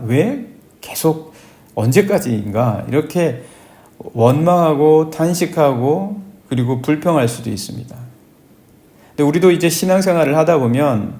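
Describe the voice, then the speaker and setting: A man, a pastor, giving an early morning prayer sermon in a calm, conversational way, often affirming himself with a soft "yes". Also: a little high. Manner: reads scripture aloud and acts out plaintive prayers.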